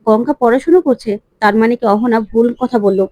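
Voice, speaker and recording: A woman voicing an angry young husband who scolds indignantly, quoted in a quick retelling of a TV serial. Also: fairly high pitch, dark tone, no room sound, lightly acted. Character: angry young husband defending his brother.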